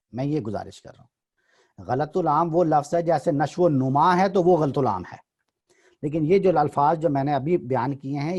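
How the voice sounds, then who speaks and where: A man's voice: fairly high pitch, darkish tone. A man teaching in a literary discussion, patiently explaining and correcting pronunciation.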